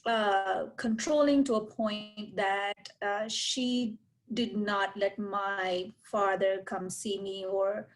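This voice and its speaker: A woman from Sri Lanka shares her story as a panel guest. She speaks slowly and hesitantly, filling gaps with many fillers. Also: mid-range voice, steady tone, rough recording. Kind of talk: personal testimony.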